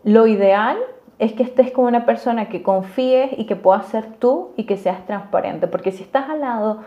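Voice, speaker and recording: A woman's voice: a little high, moderate pace, lo-fi sound. A woman giving personal relationship advice in an earnest, explanatory way, often checking in with her listeners. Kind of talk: advice talk to camera.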